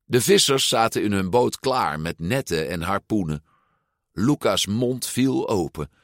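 A man reading a children's story aloud, slow and animated, giving each character a voice. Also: fairly low pitch, no room sound, studio quality. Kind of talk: storybook read-aloud narration.

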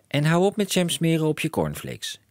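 A man's voice: fairly high pitch, big pitch swings, normal speed, creaky, no room sound, pitched above the performer's own voice. Mum figure played by a man, raised voice, dry chiding tone, storybook. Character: calm scolding middle-aged mother.

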